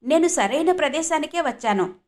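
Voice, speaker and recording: A woman voicing a polite, poor-looking old man who speaks gently and patiently. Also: high voice, lively intonation, moderate pace, voice pushed up. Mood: calm.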